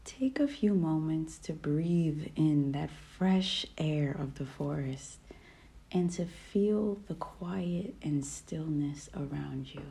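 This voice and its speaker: Low, slow, soft-spoken woman. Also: creaky, a little hiss or hum. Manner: soft, calm, partly whispered delivery. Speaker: podcast host. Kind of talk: guided meditation.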